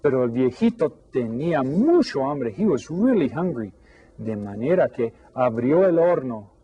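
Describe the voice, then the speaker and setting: A man teaching a class, reading a story aloud in one language and translating each line into English, slowly and deliberately. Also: mid-range voice, sing-song, slightly rough, dull audio. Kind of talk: bilingual storybook read-aloud.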